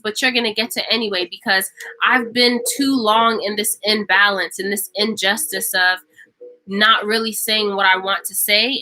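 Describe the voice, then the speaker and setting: A woman's voice: mid-range voice, sharp tone, poor audio. A woman giving a casual tarot reading to camera. She talks emphatically and repeats phrases for stress. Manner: acts out imagined speech. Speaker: tarot reader.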